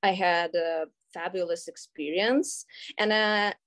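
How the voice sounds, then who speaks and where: A woman's voice: fairly low pitch, fairly even intonation, slow, fairly bright tone. Russian woman in her 30s chatting in an interview, lots of uh's, laughs a lot. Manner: laughs often, hesitant with many uh fillers. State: pregnant. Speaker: interview guest. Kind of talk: casual interview.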